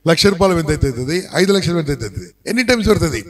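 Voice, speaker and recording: A middle-aged man addresses a live audience as a motivational speaker. His voice sits high, and he tells stories in an animated way, turning to the crowd with questions. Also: racing.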